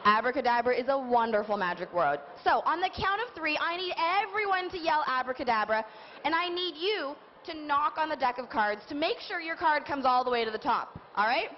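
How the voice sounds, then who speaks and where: A woman's voice: sits high, expressive, fairly quick. A woman presenting a live children's science and magic show in the playful manner of a kids' party magician, prompting the audience to join in. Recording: muffled live event recording, noisy crowd. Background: crowd of an audience, background noise.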